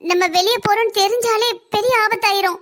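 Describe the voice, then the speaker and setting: Figure: weary trapped woman, cartoon voiced by a woman. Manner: hushed, gentle, resigned. Pitch: very high. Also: steady tone, a little fast. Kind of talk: cartoon story voice acting.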